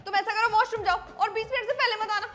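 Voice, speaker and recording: A woman performs a comedy sketch, scolding with quick, sassy wit. Her voice is very high and she talks fast. Music plays clearly under her. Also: fairly even intonation. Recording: music playing over the voice.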